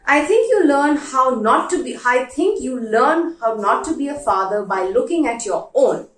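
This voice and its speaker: A woman giving a dramatic literary reading of letters, measured and pausing for emphasis. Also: high-pitched, expressive, a bit bright. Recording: roomy echo, distant from microphone.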